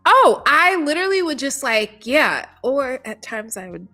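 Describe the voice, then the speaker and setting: Bright, upbeat woman co-host. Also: high-pitched, very animated, unhurried, faint music behind. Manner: upbeat and chatty, laughs easily. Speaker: co-host of a developer live stream. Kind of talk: casual live-stream chat.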